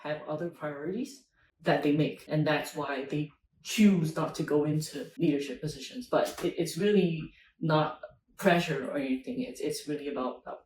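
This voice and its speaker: A woman's voice: low-pitched, moderate pace, darkish tone. A young woman answers interview questions in a friendly, thoughtful way and often restarts her phrases. She sounds distant from the mic in an echoey conference venue. A faint hum of noise runs behind her. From Singapore. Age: young adult. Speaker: interview guest, agile coach. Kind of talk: casual interview.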